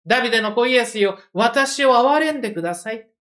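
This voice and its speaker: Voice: medium pitch, steady tone, moderate pace, a bit bright, lightly acted. A preacher voicing a pleading blind beggar. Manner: pleading, raised insistent cries. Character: blind male beggar crying out for mercy.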